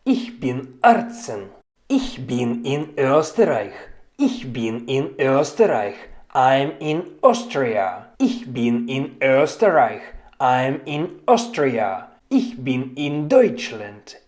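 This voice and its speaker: A woman teaching a language lesson, saying each phrase slowly and deliberately and repeating it. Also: extremely low pitch, darkish tone. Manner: slow, deliberate repetition of phrases. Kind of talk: scripted language lesson drill.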